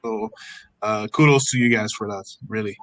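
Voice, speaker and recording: A man's voice: lowish voice, moderate pace, a bit bright, no room sound, low-quality recording. A man from Morocco, hosting an online AMA with enthusiasm, repeating words and joking. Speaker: AMA host.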